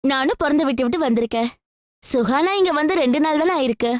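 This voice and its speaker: Woman playing a quick-talking young wife, high voice, reassuring, music behind. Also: no echo, clean studio sound, close to an everyday voice. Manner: brisk, reassuring. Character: cheerful young married woman, consoling her aunt. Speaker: young relative, niece-in-law. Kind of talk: TV serial acting.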